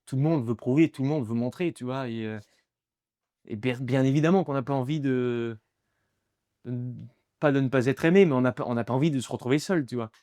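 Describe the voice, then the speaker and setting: A young man talks openly in a relaxed interview, often restarting and repeating himself as he searches for words. His voice sits in an ordinary middle pitch, and the recording is dry and close. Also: fairly quick, dry recording. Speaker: guest, aspiring comedian. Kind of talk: casual interview chat.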